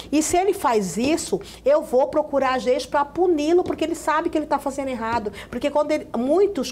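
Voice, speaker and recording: A Brazilian woman with a fairly high voice argues her points with passion on a studio talk show. She talks in long, emphatic run-on sentences. A faint hiss of noise sits under her voice. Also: a little mellow. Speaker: guest, activist founder.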